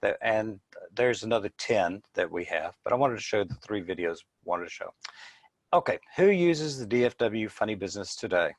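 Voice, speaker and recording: Male business presenter, slightly low voice, dry close sound, informal and explanatory. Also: animated, fairly quick, no room sound.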